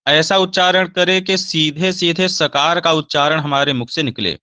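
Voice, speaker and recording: A man teaching Sanskrit grammar, slowly reciting verb forms in a recorded lesson, with a Hindi accent. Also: on the high side, steady tone, sharp tone, dry recording.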